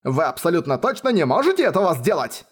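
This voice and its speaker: A man voicing an angry, blustering middle-aged male merchant who shouts indignantly. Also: on the high side, very animated, brisk, voice pushed up. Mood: furious.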